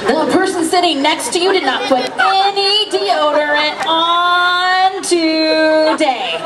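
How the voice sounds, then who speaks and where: A woman's voice: very high voice, slow. A woman hosting a comedy stage hypnosis show, giving theatrical, repetitive commands and counts to her subjects and audience. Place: outdoor open-air amusement park stage. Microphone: handheld microphone through PA, recorded by distant camera. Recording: noisy crowd, distant PA outdoors. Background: loud crowd noise and laughter.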